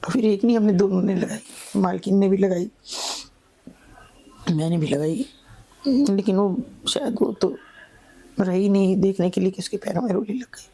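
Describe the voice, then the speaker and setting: A middle-aged woman, a charity founder, telling an emotional story in an interview in a soft, halting way that sometimes drops to a whisper. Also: mid-range voice, husky. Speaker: guest, founder of a charity for women in red-light areas.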